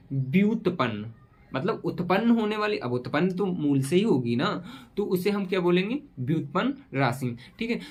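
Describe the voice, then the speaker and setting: Man teaching physics with rhetorical questions. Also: a little high. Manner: asks rhetorical questions and answers them; repeats key terms slowly. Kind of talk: classroom physics lesson. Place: room with a whiteboard.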